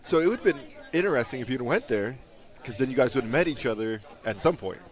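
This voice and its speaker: A man's voice: medium pitch, lively intonation, fairly quick. Man, stream commentator. Easygoing sideline interviewer who laughs and teases, at a bowling alley. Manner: laughs often, friendly teasing questions.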